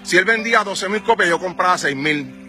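In this angry selfie video, a man in his forties from Puerto Rico, a music manager, holds his phone at arm's length outdoors on a sunny residential street. Speaking with a Puerto Rican Spanish accent, he hurls rhetorical questions at his followers in a brisk, high-pitched, pushed and bright voice.

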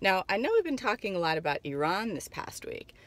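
A woman's voice: medium pitch, very animated, fairly quick, fairly bright tone. A woman in her thirties with an American accent, hosting a comedic vlog monologue from inside a car. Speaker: host. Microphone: phone at arm's length.

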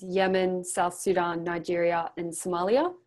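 This young adult woman facilitates a group practice session over video call from a small room, reading a prepared script with encouragement and affirmation. Her voice sits lowish and darkish, delivered flatly at a normal speed through a computer microphone.

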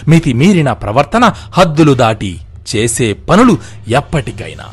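A man narrating an epic story in a dramatic, expressive way. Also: medium pitch, moderate pace, breathy edge.

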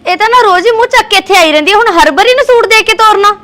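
A woman's voice: very high-pitched, animated, racing, pushed and bright, full character voice. An actress playing a jealous young wife who taunts her husband's sister with sarcasm. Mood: bitter. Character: jealous, sharp-tongued sister-in-law, a young village wife.

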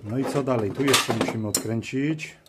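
The speaker is a male video host whose medium-pitched voice moves at a normal pace as he mutters informal running commentary to himself in short bursts while working. The setting is a cluttered workshop bench indoors, captured clearly, with the noise and clicking of tools and parts in the background.

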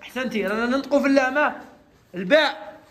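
A man's voice: very high voice, quick pace, fairly bright tone. A male teacher leading a classroom lesson with young pupils. He talks patiently, repeats each letter and praises the answers.

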